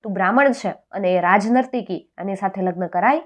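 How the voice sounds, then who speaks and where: Storybook role: a kind, wise king, put on by a woman narrator, soft and caring. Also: mid-range voice, brisk, natural voice. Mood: gentle.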